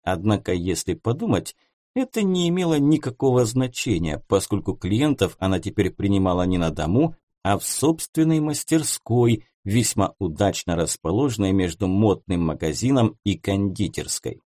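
A man's voice: fairly low pitch, sing-song, normal speed, mellow, dry recording, studio quality. A man narrating an audiobook in a wry storytelling manner. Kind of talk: scripted narration.

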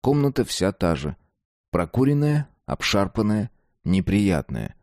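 A man reading a dark story aloud, slow and deliberate. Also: on the low side, sing-song, no room sound, studio quality. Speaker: narrator. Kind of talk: scripted narration of a dark story.

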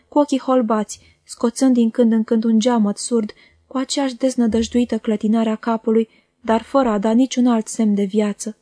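A woman reading a classic novel aloud as an audiobook, in a measured and expressive manner. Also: fairly high pitch, no room sound, studio quality. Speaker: audiobook reader. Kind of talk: literary audiobook narration.

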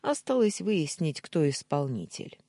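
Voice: mid-range voice, big pitch swings, unhurried, dark tone, no echo, clean studio sound. A narrator voicing the hero, a brooding young man bent on revenge, speaking grimly.

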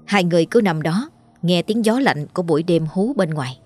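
A woman narrating a horror story in a steady, dramatic way. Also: lowish voice, fairly quick. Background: faint music.

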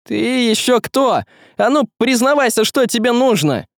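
Reader doing a loud slangy young guy, high pitched, dry close mic. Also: sing-song, unhurried, no echo, exaggerated voice. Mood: shouting. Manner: loud, blunt, modern slangy talk. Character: brash, hot-tempered young man.

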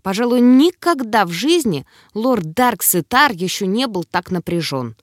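A woman narrating a fantasy novel aloud in an expressive, dramatic first-person reading. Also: mid-range voice, a little slow, no room sound, clean studio sound. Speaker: audiobook narrator.

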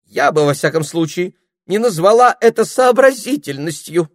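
Man putting on a squealing lady spider, very high shrill voice, fussy and weepy, storybook housekeeper, close dry sound. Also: lively intonation, moderate pace, dry recording. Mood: sniffy.

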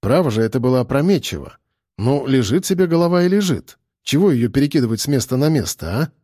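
A man reading a novel aloud as an audiobook narrator, in an even, measured way. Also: mid-range voice, breathy edge, no echo, studio quality. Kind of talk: scripted narration.

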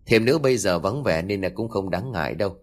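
A man's voice: low voice, lively intonation, fast talker. A man voicing a cheeky young male truck driver who teases and complains. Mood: teasing. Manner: teasing, whiny.

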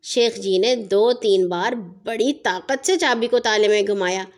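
A woman narrating a children's audio story in a calm, measured reading voice. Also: medium pitch.

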